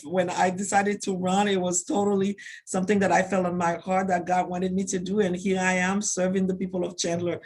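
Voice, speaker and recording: A woman's voice: mid-range voice, a little mellow. Woman, council member, earnest self-introduction, mid voice. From United States. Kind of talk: self-introduction at a virtual meeting.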